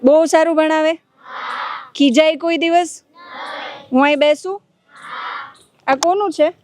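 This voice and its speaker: A woman's voice: sits high, unhurried, a little mellow. A woman reporter interviewing schoolgirls on location outside a school, asking playful, teasing questions.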